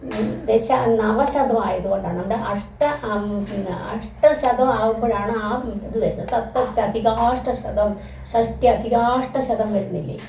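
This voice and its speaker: A woman whose first language is Malayalam, teaching a lesson and stretching out each term slowly between explanations. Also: a little high, dark tone, slight background noise. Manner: switches between quick explanation and slow, drawn-out recitation. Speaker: Sanskrit teacher. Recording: echoey room, voice somewhat far from mic.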